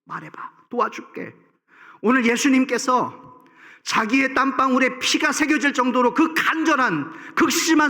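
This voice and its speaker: A man's voice: very high voice, bright, forceful tone, long reverb tail. A man preaching a sermon as pastor, impassioned and emphatic, posing rhetorical questions to his congregation in a church sanctuary.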